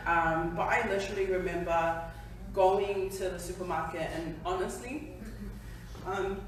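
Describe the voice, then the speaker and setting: At a company event, a New Zealand woman in her twenties tells an audience her personal story, chatty, laughing, and self-deprecating. Her voice is on the low side, recorded from far off in an echoey hall with a little hiss or hum.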